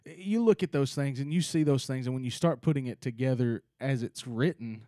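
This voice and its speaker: A man's voice: mid-range voice, brisk, warm tone, no room sound, clean studio sound. A man hosting a casual faith discussion, earnest and thinking aloud with many restarts.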